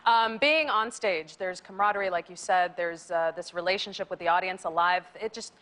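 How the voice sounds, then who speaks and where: A woman's voice: lowish voice, brisk, a bit bright. A woman in her thirties, from Mexico and raised in San Diego, talking earnestly as a guest on a TV studio talk show, with plenty of fillers. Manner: earnest and chatty, many fillers. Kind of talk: casual talk-show chat. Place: television studio set.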